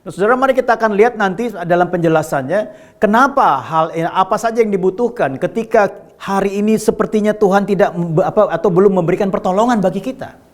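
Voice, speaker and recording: Male pastor with a high voice, preaching a sermon; swings from raised emphasis down to quiet asides and keeps addressing the congregation. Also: fast talker. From Indonesia. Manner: addresses the congregation directly and often.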